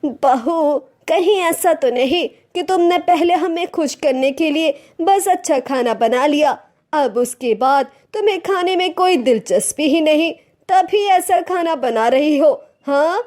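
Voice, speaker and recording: A woman's voice: high voice, expressive, a little slow, a little mellow. A woman voicing a bossy, nagging middle-aged mother-in-law in a cartoon story. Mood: scolding. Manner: scolding, nagging questions.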